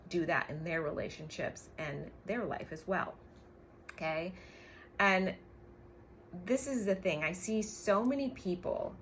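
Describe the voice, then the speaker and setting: A business coach in her forties tells personal stories in a vlog to her followers, candid and emphatic, with frequent tag questions and swearing. Her voice is medium-pitched and a bit bright, with slight background noise.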